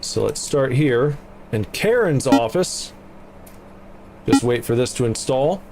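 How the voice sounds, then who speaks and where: Male game streamer: unhurried, mid-pitched, lively intonation, wry asides, faint noise behind. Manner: wry, understated, talks along to the game. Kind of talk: casual gameplay commentary.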